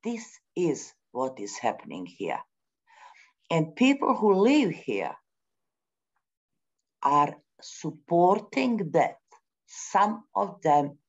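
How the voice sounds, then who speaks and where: Woman, middle-aged, low voice, slow and halting English, spontaneous spiritual talk, dull lo-fi recording. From Bosnia. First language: Bosnian. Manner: halting, searching for words with many pauses; non-native English grammar. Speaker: forum speaker.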